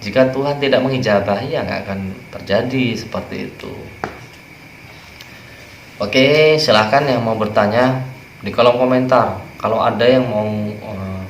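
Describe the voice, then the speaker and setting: A man, speaking as a spiritual teacher in a relaxed, rambling way, trailing off softly at the ends of phrases. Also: mid-range voice, a little slow, long pauses. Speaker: spiritual teacher explaining rituals. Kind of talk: casual explanatory talk. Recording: echoey room with faint ambient noise.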